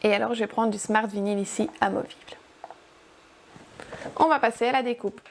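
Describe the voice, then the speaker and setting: A woman's voice: mid-range voice, steady tone, brisk, creaky, a little mellow, slight background noise. A woman hosting a casual crafting tutorial, chatty and upbeat as she guides viewers step by step. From France.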